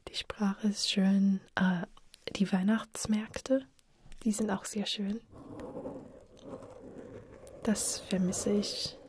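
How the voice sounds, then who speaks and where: A woman hosting an ASMR live stream, whispering softly as she reads out chat questions and answers them in a chatty way with lots of fillers. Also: medium pitch, flat delivery, slow pace, pauses often, husky. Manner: chatty with frequent fillers and restarts. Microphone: ASMR microphone with wind guards.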